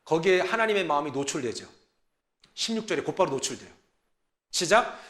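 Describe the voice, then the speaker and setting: A male pastor preaching a Sunday sermon in a lively, conversational way, acting out quotes as he goes. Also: fairly high pitch, a little fast, roomy sound. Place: church sanctuary.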